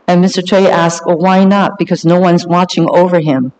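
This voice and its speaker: A man working as a live interpreter, translating a sermon on the spot in short bursts, halting with fillers and self-corrections. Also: high-pitched, steady tone, darkish tone. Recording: long reverb of a large hall.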